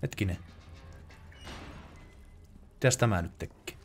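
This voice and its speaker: A man from Finland giving casual let's play commentary, excitable and swearing, with yelps and laughs at the game. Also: on the low side, soft background music.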